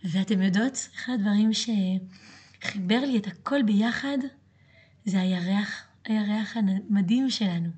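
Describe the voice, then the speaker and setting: A woman from France with a French accent and a slightly hoarse voice, speaking earnestly in a reflective, intimate podcast monologue as the host. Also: mid-range voice, darkish tone.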